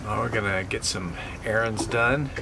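A middle-aged man co-hosts a sailing vlog and talks in a relaxed, musing way. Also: fairly low pitch, moderate pace, creaky, background noise. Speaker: vlog host. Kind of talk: casual vlog chat. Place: outdoors on a boat. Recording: music behind.

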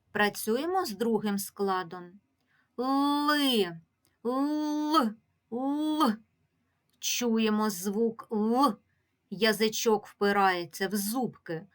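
A woman teaching a phonics lesson to small children, sounding out syllables and stretching vowels slowly. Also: mid-range voice. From Ukraine. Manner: stretches syllables and sounds out, calls words aloud. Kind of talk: slow, deliberate phonics lesson for young children.

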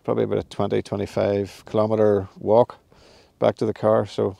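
A man in his fifties, an outdoor vlogger, chats casually to a phone camera he holds at arm's length on a windy mountain summit. His voice is fairly low, creaky and mellow, with a flat delivery at normal speed and no room sound. He's chatty, laughs often and makes jokes at his own expense.

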